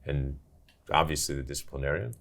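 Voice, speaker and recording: A man's voice: extremely low pitch, fairly quick, gravelly, a bit bright. An older man hosting an interview, asking questions and reacting with enthusiastic exclamations. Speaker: podcast host. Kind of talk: interview conversation.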